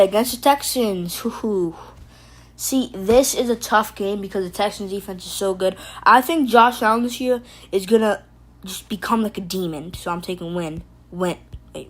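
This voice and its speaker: A woman's voice: mid-range voice, poor audio. Playful woman streamer chatting with her chat. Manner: playful, jokey, talks to chat by name; loose and rambling, frequent fillers and restarts. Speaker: livestream host. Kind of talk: casual live-stream chat.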